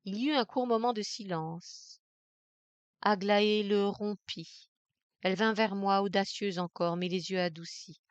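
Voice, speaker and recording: Slow, intense woman narrating a novel. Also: mid-range voice, no echo. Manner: measured, intense, dramatic. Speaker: audiobook reader. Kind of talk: literary audiobook narration in the first person.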